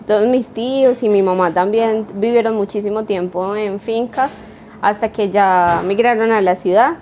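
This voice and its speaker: A woman, a coffee roaster answering interview questions in an explanatory way, with fillers and tag questions. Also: mid-range voice. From Colombia. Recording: dull lo-fi with light noise.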